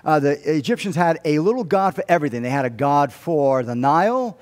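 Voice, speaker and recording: A middle-aged male pastor preaching a sermon in a church, telling stories and leading a prayer, dropping to a hush and then rising to emphatic points. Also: a little high, lively intonation, fairly quick. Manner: storytelling, swings from hushed to emphatic. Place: church sanctuary. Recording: long hall reverb.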